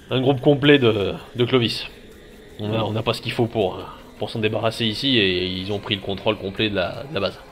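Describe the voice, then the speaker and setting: A man playing a wary military officer in a tabletop game, speaking formally and haltingly. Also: medium pitch, a bit bright, a little hiss or hum, lightly acted. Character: wary male military officer reporting to colonel.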